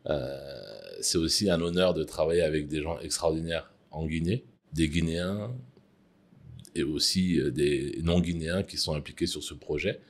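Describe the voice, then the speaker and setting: Very deep-voiced man, measured and hesitant. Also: fairly even intonation. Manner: measured, hesitant with frequent fillers. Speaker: interviewee, mining executive. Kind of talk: formal interview answers.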